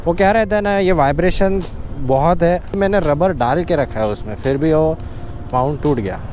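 A young motorcycle vlogger chats casually while riding a motorbike on highways and town roads, dropping in English phrases, recorded on a helmet or bike-mounted action camera with background music and a little hiss or hum. His voice is fairly high with a darkish tone, at a moderate pace.

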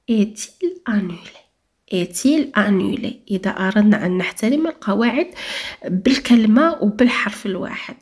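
Lady teaching french, kinda husky voice, says the examples over slow. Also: mid-range voice, darkish tone. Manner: drills example sentences, repeats words slowly. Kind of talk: explaining French grammar to learners.

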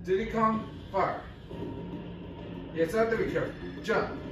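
A man's voice: sits high, moderate pace. A man giving casual play-by-play commentary on a game, calling out each jump and move in short bursts. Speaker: gameplay commentator. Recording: echoey room, far from mic, game music.

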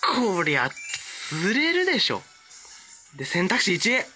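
A man gives hyper, gushing let's-play commentary. His bright voice swings widely in pitch, with soft game music behind him. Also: huge pitch swings, slow.

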